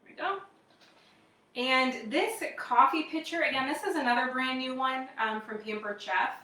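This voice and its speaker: A woman in her thirties from Wisconsin hosts a live kitchenware demo as a direct-sales consultant, chatting casually and upbeat with viewers. Her voice sits high, pushed and bright, at a normal pace, captured by a distant mic in an echoey room.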